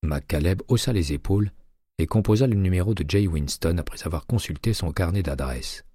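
A man narrates a novel in an even, measured manner. His voice is low and mellow, recorded dry and close with no room sound. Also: breathy edge, no room sound. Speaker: audiobook narrator. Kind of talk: scripted narration.

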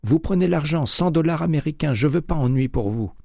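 A man's voice: a little high, animated, fairly quick, creaky, dark tone, no echo, clean studio sound, pitched above the performer's own voice. A man voicing a frightened hotel clerk who pleads in broken French. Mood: pleading. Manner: pleading, stammering, broken grammar.

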